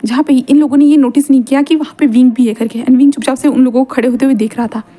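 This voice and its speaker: A woman's voice: sits high, steady tone, fast, dark tone. A woman narrating a fan story in a casual, rambling way with many fillers.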